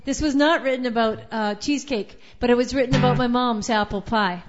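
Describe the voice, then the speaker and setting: A woman's voice: fairly high pitch, a little fast. A woman chatting and joking with the crowd between songs at an open mic night, speaking into a stage microphone. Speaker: open mic singer-songwriter. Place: small live music venue. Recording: muffled live venue recording with music.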